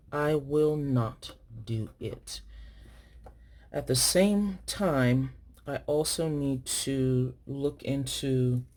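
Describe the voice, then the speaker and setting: Her pitch sits extremely low and her tone is darkish. She's a Nigerian planner vlogger chatting easily with viewers while writing in her planner, musing aloud and fixing her own slips along the way.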